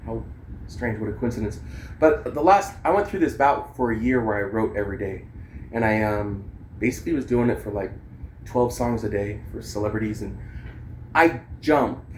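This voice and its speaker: This vlogger and amateur songwriter has a fairly low voice and speaks at a moderate pace over slight hiss or hum. He rambles informally to camera, swearing and using slang as he shows off his equipment.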